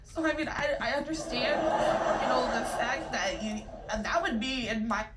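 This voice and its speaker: A woman's voice: sits high, a little slow, very noisy. A woman pleading emotionally and tearfully before a judge in a courtroom recording played from a court show. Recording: echoey courtroom, voice from off-mic.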